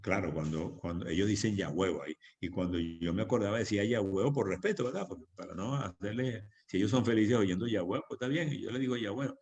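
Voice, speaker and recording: A man's voice: lowish voice, fast talker, hardly any pauses, darkish tone. A man preaching as pastor in a church, teaching on prayer with emphatic repetition. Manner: emphatic, repeats phrases for stress.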